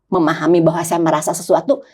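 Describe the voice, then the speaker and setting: A woman's voice: sits low, level tone, quick pace, darkish tone, breathy edge. An older woman who works as a psychologist, talking in a podcast conversation and telling stories animatedly, acting out her clients' voices.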